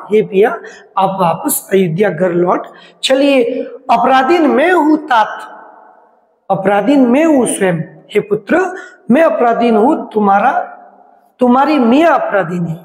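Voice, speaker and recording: This is a college literature lecturer at work, reciting a line of poetry and then glossing it piece by piece. The voice sits at a middling pitch. It rings with a long, roomy echo from the hall around it. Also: a little mellow. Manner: recites verse lines, then glosses them word by word. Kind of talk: recorded lecture explaining a poem. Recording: echoey reverberant room.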